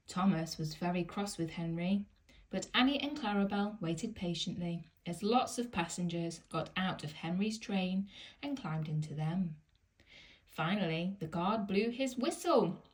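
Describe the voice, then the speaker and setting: A woman with a mid-range voice reads a children's picture book aloud, telling the story gently and expressively.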